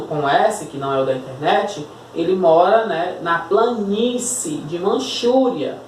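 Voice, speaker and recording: In an echoey room and somewhat far from the mic, a Brazilian woman teacher records a remote lesson with slight background noise behind her. Her voice is mid-range, her accent Brazilian Portuguese, and she patiently spells out words while checking in through tag questions.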